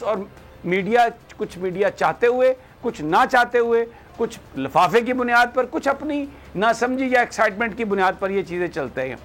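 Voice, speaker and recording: A man with a high, fairly bright voice gives heated, impassioned political commentary as a guest analyst, slipping into English phrases.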